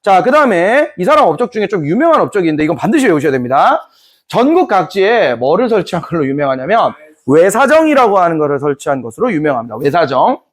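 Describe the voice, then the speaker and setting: A man's voice: high voice, big pitch swings, quick pace. A man teaching a history class in a playful, joking way, acting out scenes. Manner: playful, jokey, acts out scenes. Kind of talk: lively classroom lecture.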